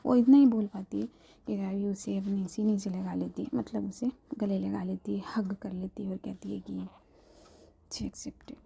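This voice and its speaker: A woman storyteller narrating a love story in a soft whispered storytelling voice with casual asides. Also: medium pitch, steady tone, moderate pace, gravelly, slightly rough.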